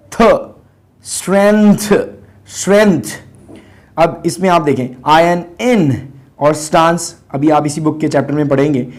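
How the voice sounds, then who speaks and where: A man's voice: on the high side, a little mellow. A man with a Pakistani accent teaching an English class, breaking words into letters and sounding them out, switching between Urdu and English. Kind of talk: classroom lesson explaining pronunciation and grammar.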